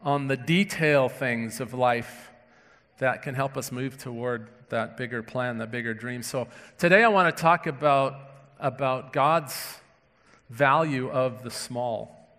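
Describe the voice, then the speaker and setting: A man's voice: medium pitch, measured pace, fairly bright tone. A man with a stuffy nose from a cold, a pastor praying and then preaching a sermon in an earnest, conversational way with frequent restarts. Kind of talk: sermon with opening prayer. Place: church sanctuary. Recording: long reverb of a church hall.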